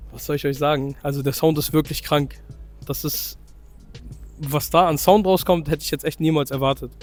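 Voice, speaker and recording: In this casual walkaround vlog, a young man shows off his own car with a somewhat high voice roughened a bit by a cold. His manner is loose and chatty, packed with fillers and frequent self-corrections.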